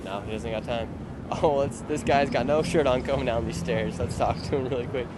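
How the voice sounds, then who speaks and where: A man doing street interviews on a livestream, upbeat and quick to react. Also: medium pitch. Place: city street at night. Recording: noisy street with traffic.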